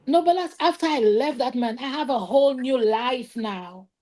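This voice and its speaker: A woman's voice: sits high, normal speed, a little mellow. A woman on a live-streamed roundtable, speaking emphatically and defiantly about her own experiences. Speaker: panelist, domestic violence survivor. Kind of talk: roundtable discussion.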